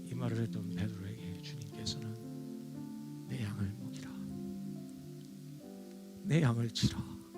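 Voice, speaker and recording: A man's voice: lowish voice, fairly even intonation, a little slow, pauses often, over loud music. Earnest male pastor preaching. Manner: earnest, dramatic preaching with voiced quotes. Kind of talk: sermon. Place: church sanctuary.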